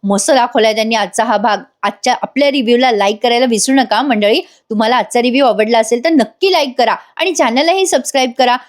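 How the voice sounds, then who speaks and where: A woman's voice: fairly high pitch, fast, hardly any pauses. A woman narrating a voice-over recap of a TV serial episode, chatting directly to her viewers. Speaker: TV serial reviewer.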